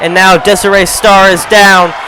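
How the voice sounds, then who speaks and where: A man with a high voice calls a wrestling match move by move, often shouting over it. His voice is going hoarse. A loud crowd and game sounds fill the background. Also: little pitch movement, background noise. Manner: fast play-by-play, often shouting. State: losing his voice. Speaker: play-by-play commentator. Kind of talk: video game wrestling commentary.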